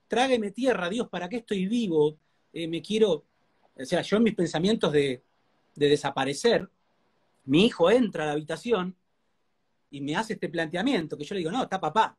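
A man with a Rioplatense Spanish accent gives a personal testimony in a live interview, his voice high and husky. He speaks earnestly and from the heart, like a preacher, repeating words again and again for emphasis.

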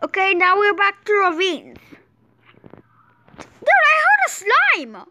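Very high-pitched excitable gameplay host, woman. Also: slow pace, dry recording. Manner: excitable, exclaims often, restarts sentences.

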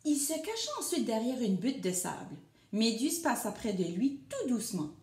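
Woman teacher, storybook read-aloud, lively and high. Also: moderate pace. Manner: animated, asking children questions. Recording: echoey room.

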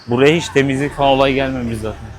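A travel vlogger films on a busy street, speaking straight to his viewers with shocked exclamations and swearing. His mid-pitched voice stays steady in tone while he talks rapid-fire, with faint street noise behind him.

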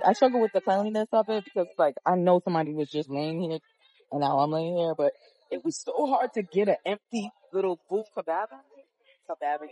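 A young woman with a lowish, warm voice vlogs to her phone, held at arm's length, while lying on a windy cruise ship deck outdoors. The travel vlogger chats casually to camera in a laid-back, slangy way, and the sound is lo-fi.

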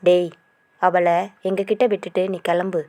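A woman's voice: on the low side, flat delivery, measured pace, warm tone, close to an everyday voice. A woman voicing rowdy jeering young thugs. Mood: threatening. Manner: rough, jeering. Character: three rowdy young men, menacing.

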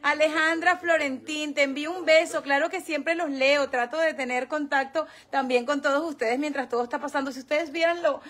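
High-voiced excitable woman vlogger. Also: brisk, hardly any pauses. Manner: excitable, exclaiming, mixing in English phrases. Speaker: vlogger host. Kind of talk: casual vlog talk to viewers. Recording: busy crowd noise behind.

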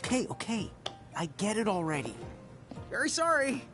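Give me a laid-back young café guy for a video game. He is sarcastic and easygoing, with a lively voice that rises and falls freely. Game music plays loudly behind him. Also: high-pitched, normal speed. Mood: wry.

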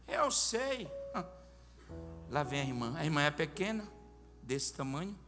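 A male pastor who tells a comic story in an animated way during a sermon. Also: a little high, takes it slowly. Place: church. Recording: long church reverb, faint music.

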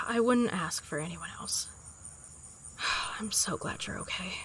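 A woman's voice: sits high, lively intonation, takes it slowly, background noise. A woman voicing a fierce, blunt companion in an audio drama, swearing and teasing, scared of losing a partner. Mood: soft, tender. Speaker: voice actor.

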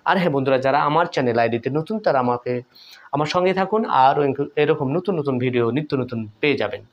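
Lively-pitched man teaching a lesson. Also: dull audio. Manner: patient, repeats words slowly, addresses viewers as friends; emphatic, drawn-out example words. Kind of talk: Bengali pronunciation lesson.

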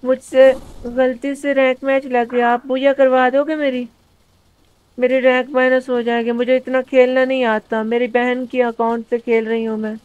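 A man's voice: very high-pitched, level tone, clear, resonant tone, phone-quality sound, voice pushed up. A man using a voice changer filter to play a shy, pleading young girl gamer in voice chat. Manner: sweet, pleading, fast-talking. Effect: voice changer filter making a man sound like a girl. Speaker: prankster streamer. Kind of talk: gaming voice chat prank.

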